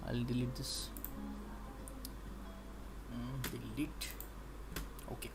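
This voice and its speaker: A young man with an Indian English accent, an animation student thinking aloud while he works. He talks haltingly, with many pauses as he explains. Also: mid-range voice, music in the background. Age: young adult. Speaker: animation student streaming practice. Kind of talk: casual think-aloud livestream. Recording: steady background noise.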